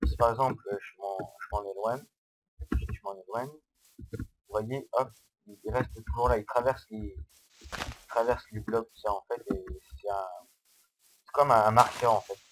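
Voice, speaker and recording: A man giving casual, hesitant gameplay commentary, explaining step by step on a low-quality microphone. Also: steady tone, measured pace, pauses often. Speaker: Minecraft let's-player.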